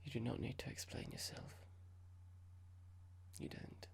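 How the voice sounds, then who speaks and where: Whispering slowly and with purpose, a performer takes on the role of a cold, smug corporate boss for ASMR, using breathy creak and sarcastic courtesy. The voice is near everyday, and the attitude comes across as dismissive and condescending.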